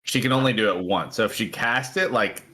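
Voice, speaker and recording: A man narrating and refereeing as game master of a tabletop game, describing the scene in a relaxed way. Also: on the low side, fairly quick, slight background noise.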